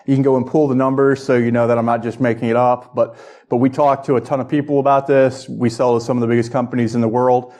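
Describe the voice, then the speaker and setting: Man, conference speaker, mid-pitched voice, informal lightning talk, technical, conversational delivery. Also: level tone, quick pace, darkish tone. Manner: conversational, checks in with "right?". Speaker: conference speaker, security research director.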